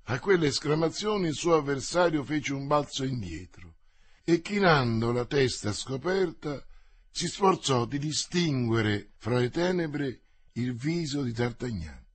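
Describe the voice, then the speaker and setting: Husky-voiced man reading a novel aloud. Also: mid-range voice, animated, measured pace. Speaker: audiobook narrator. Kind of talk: scripted narration.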